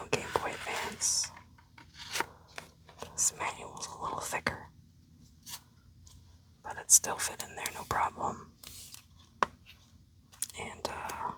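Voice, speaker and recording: A woman whispering an ASMR unboxing commentary, hushed and unhurried, as if musing aloud to herself. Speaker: unboxing video host.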